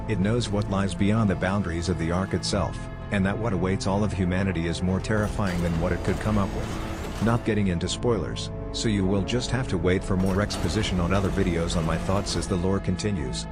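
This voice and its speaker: Male game commentator, robot-filtered voice, low and measured, loud game music underneath. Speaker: gameplay commentator.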